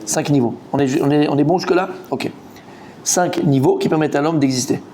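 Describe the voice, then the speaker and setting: Un homme rabbin qui donne un cours de Talmud animé, interroge ses élèves et répète ses mots en s'emportant. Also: male voice, fairly quick, a crowd in the background. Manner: animated, quizzes the students, repeats words, rising pitch when excited. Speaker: rabbi teaching a Talmud class. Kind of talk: lively Torah class.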